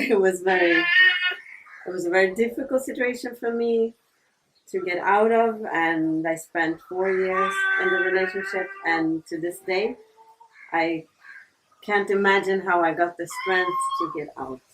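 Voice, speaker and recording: Woman in her forties, from Tanzania, hesitant, reflective, animated pitch, far from the mic. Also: measured pace. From Tanzania, raised in Sweden. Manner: hesitant, reflective, many fillers. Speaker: interview guest. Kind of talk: casual interview. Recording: distant mic with noisy background.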